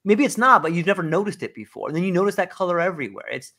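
An older man, talking in a loose, animated way full of fillers, on a video call from home. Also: sits high, rapid-fire. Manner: animated, rambling, many fillers. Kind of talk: casual conversation.

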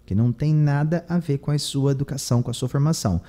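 A man's voice: mid-range voice, fast talker, mellow. A man with a Brazilian Portuguese accent teaching English, translating phrases line by line and repeating words for emphasis. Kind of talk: bilingual lesson explaining English.

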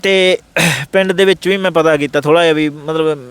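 A man rushes through his story as an interview guest, quoting everyone he talks about in earnest. His voice sits a little high and sounds clear and smooth, with words tumbling out quickly. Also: steady tone. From Punjab. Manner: rapid, earnest telling that acts out the others' words in quotes. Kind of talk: casual first-person storytelling.

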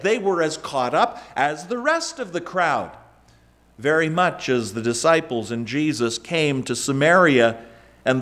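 A middle-aged pastor preaches slowly and deliberately in a church sanctuary, his fairly high voice rising and falling for emphasis. He speaks into a lectern microphone, gesturing as he drives each point home. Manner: emphatic preaching with wide swings in pitch and loudness, gesturing. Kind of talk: sermon.

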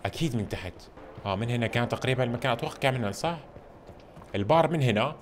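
A man giving casual, excitable commentary while playing a video game, talking to his viewers all the time. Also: mid-range voice, racing, slight background noise. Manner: excitable, chatty, addresses viewers constantly.

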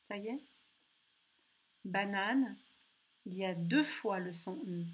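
A woman slowly giving a phonics lesson to children, saying words clearly and repeating them. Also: medium pitch, animated. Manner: slow, carefully articulated words with pauses. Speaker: teacher.

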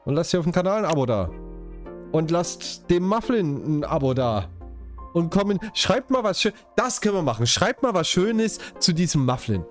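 A man's voice: on the high side, very animated, moderate pace, faint music behind. A man from Saxony chatting casually to his viewers while playing a game, jokey and talkative. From Saxony, Germany. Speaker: gaming YouTuber. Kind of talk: casual let's-play commentary.

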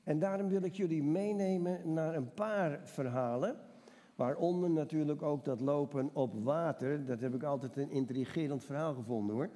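A man's voice: fairly high pitch, normal speed, dark tone. A man preaching a sermon and reading Bible passages, talking conversationally and putting questions to the congregation. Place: church hall. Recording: long church reverb.

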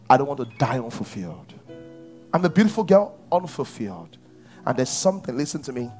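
A pastor in his thirties with a Nigerian English accent and a slightly high voice preaches a sermon on a large church stage, swinging from shouts to near whispers.

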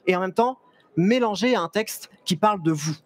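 A young man, a photographer, giving a lively, chatty talk on a fair stage through a headset mic, with many restarts and small jokes to the audience. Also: high-pitched, moderate pace. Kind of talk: live stage presentation. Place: stage at a trade fair, large indoor hall.

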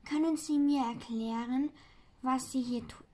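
A woman voicing a grumpy grown man who owns the house, speaking loudly and indignantly as she reads aloud. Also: high voice, steady tone, unhurried. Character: grumpy adult male homeowner.

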